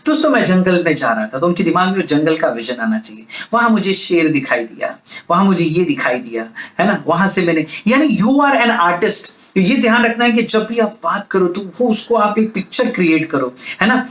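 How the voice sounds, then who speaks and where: A man's voice: sits high, expressive, a little fast, fairly bright tone, reverberant. A male business coach giving an emphatic motivational lecture, asking the audience rhetorical questions.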